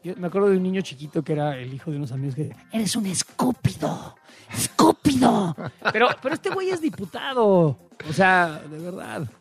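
Co-host: Mexican man, high voice, crude mocking banter, faint music behind. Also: sing-song, fast, hardly any pauses. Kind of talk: casual comedic commentary.

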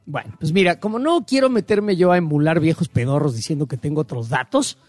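A man's voice: fairly high pitch, animated, fairly quick, a little mellow, dry recording, faint music behind. A man with a Mexican accent hosting a show, talking casually with sarcastic, joking asides. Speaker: show host. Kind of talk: casual chat.

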